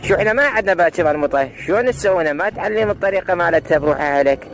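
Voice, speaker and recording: A man's voice: high voice, animated, rapid-fire, a little hiss or hum. A man playing a fussy, nagging villager who complains in an Iraqi Arabic accent, in a comic skit. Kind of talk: comic dialect dialogue. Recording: music behind the voice.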